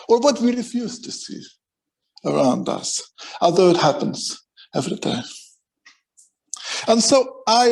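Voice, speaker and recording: A man with a heavy Russian accent, giving a measured, lyrical introduction at a gallery reading. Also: high voice. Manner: measured, lyrical, quoting poets. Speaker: guest poet. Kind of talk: formal reading-style introduction. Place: art gallery event.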